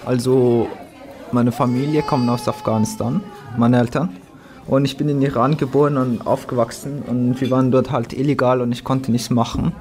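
A teen boy as a quiet hesitant newcomer. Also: mid-range voice, fairly even intonation, faint music behind, lightly acted. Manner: slow, simple, hesitant German with fillers. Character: quiet newcomer schoolboy, refugee, polite. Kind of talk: amateur school drama.

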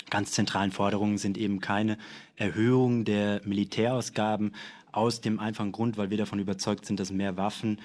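A man's voice: lowish voice, level tone, normal speed, a little mellow. A male activist stating demands firmly in a radio interview, heard from a distance.

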